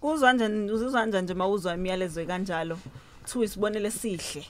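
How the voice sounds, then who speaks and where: A woman's voice: mid-range voice, rapid-fire, soft background music. A South African woman with a Zulu accent, hosting a radio interview in casual talk that switches between languages. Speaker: radio host.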